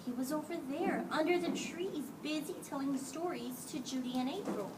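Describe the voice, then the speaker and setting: A teacher with a high voice reads a picture book aloud to children at normal speed, dramatizing the dialogue expressively. It's recorded on a distant mic amid clearly noisy surroundings.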